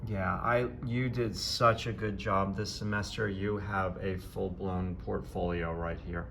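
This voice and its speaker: A man who teaches art hosts a laid-back classroom interview on video, pouring out warm, enthusiastic praise. His low, gravelly voice is a bit bright, with fairly even intonation and a slightly slow pace. It's shot on a handheld camera with no tripod, and a slight hiss or hum is audible.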